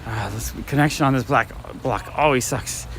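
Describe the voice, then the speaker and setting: This vlogger and comic shop owner speaks in a mid-range voice at normal speed, strolling outdoors through the city at night. He holds his phone, talks casually to viewers, tells stories and answers the live chat, with light traffic and street noise around him.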